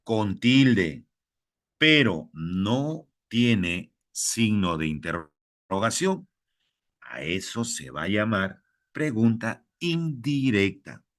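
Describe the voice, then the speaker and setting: A man with a Peruvian Spanish accent teaches at an unhurried pace, his voice bright and lively in pitch. He repeats each rule slowly and addresses the listener directly as a fellow teacher. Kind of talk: recorded lesson for teachers.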